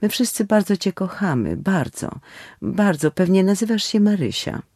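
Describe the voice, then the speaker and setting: A man voicing a gentle, shaken middle-aged doctor who speaks in a soft, trembling, tender voice. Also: sits high, big pitch swings, normal speed, no room sound, studio quality, pitched above the performer's own voice, heavily acted. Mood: tender, grieving.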